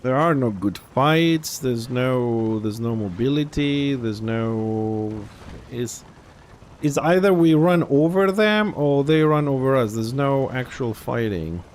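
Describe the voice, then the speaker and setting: A man's voice: mid-range voice, slow pace, a little mellow, a little hiss or hum. A man with a Greek accent streaming a game live, grumbling and swearing as he restarts his sentences. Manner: restarts and trails off mid-sentence. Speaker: gaming livestreamer. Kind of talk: casual live gameplay commentary.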